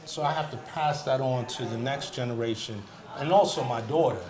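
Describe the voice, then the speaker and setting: A man from the United States talks in a candid group discussion, pausing and searching for his words. His voice sits in an ordinary middle range. A crowd murmurs in the background. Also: mid-range voice. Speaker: panel speaker.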